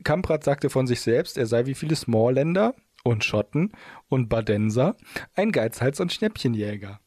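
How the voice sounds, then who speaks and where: Playful guy reading stuff out loud, keeps tripping over words, dry close sound. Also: medium pitch, animated, normal speed, dry recording. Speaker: podcast co-host. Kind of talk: casual chat, reading aloud from an article.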